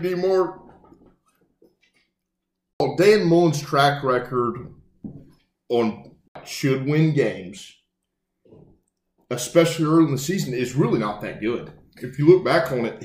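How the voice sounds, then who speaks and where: A man co-hosting a sports podcast, animated, with mock-announcer asides in casual chat. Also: on the high side. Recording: roomy echo.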